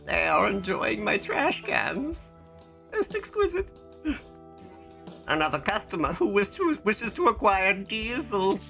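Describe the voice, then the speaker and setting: A woman plays an alien posing as a human shopkeeper, with stilted, overly formal phrasing and thoughtful hums. The voice is gravelly and bright, and it swoops widely in pitch. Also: sing-song, a little slow, faint music behind, full character voice. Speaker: streamer playing a shop game.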